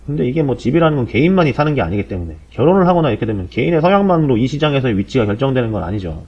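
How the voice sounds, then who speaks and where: Dull, low-bitrate audio carries a man of about forty giving casual commentary. He talks fast, with lively swings in pitch. His manner is colloquial and irreverent, often putting rhetorical questions as he explains. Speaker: host of an explainer show.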